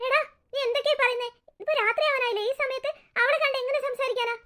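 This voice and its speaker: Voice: extremely high pitch, fairly even intonation, quick pace, pushed and bright. A performer voicing a nervous but sensible young male friend who coaxes and makes dry, sarcastic remarks. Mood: coaxing. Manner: coaxing, worried, dryly sarcastic.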